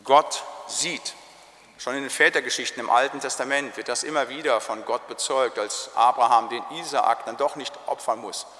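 A man's voice: mid-range voice, fairly even intonation, pushed and bright. Solemn preacher man in a reverberant church. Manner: solemn, slows down on key phrases. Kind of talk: sermon.

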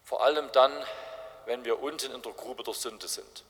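A man's voice: mid-range voice, normal speed, a bit bright. A man preaching an evangelistic sermon, telling stories with strong emphasis. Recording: long reverb of a large hall.

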